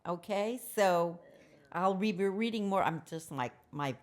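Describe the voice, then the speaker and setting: A woman's voice: lowish voice, animated, a little slow. A woman, chatting casually and reading a diary aloud in a rambling, candid way with self-mocking asides. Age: 70s. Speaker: host of an advice show.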